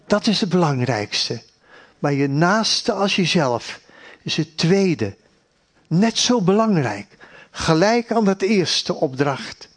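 A man preaching a sermon in a slow, deliberate and earnest way, with a lot of repetition. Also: high voice.

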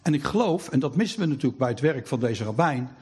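A man's voice: medium pitch, lively intonation, fast talker, a little mellow, husky. A middle-aged man giving a sermon, telling stories in a conversational way with frequent hesitations. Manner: storytelling, conversational with many hesitations. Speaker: preacher.

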